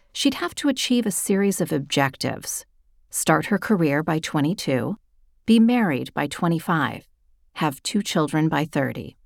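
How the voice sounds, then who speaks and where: A woman reading a novel aloud in a measured storytelling manner. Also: on the low side, darkish tone, no echo, studio quality. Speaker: narrator. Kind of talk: scripted narration of a novel.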